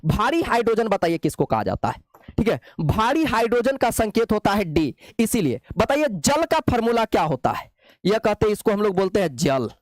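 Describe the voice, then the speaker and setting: A man's voice: high-pitched, big pitch swings, moderate pace, dry recording. A male chemistry teacher, lecturing playfully and coaxing his students with repeated questions. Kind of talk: classroom lecture.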